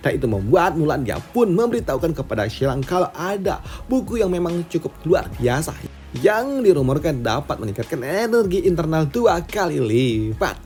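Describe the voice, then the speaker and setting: A man's voice: a little high, very animated, normal speed, a little mellow, faint music behind. A man with an Indonesian accent telling a comic's story in a chatty, slangy way and asking viewers for likes. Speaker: manhua recap narrator. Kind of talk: casual storytelling recap.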